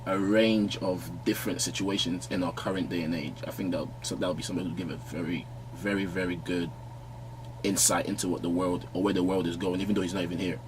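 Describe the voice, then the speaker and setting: In a small podcast studio, a young Nigerian-born guest now living in London chats casually about his work as a fashion designer. He talks easygoingly in a lowish voice, stopping and restarting often and laughing readily. A faint noise floor runs beneath his arm-mounted studio mic, and he has headphones on.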